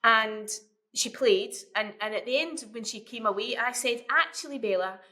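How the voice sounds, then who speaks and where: A middle-aged woman guest on a podcast who tells her stories with lots of animation and often stumbles over the first words of a thought. Her voice is bright and ringing, and sits a little high. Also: normal speed. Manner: animated storyteller, repeats words when starting a thought. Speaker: guest, early years educator. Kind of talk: casual podcast chat.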